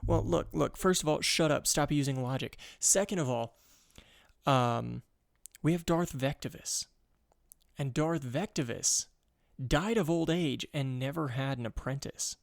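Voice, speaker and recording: A man's voice: medium pitch, creaky, no room sound, clean studio sound. A man hosting his channel, rambling through a fan theory in a casual, joking, self-mocking way. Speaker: channel host.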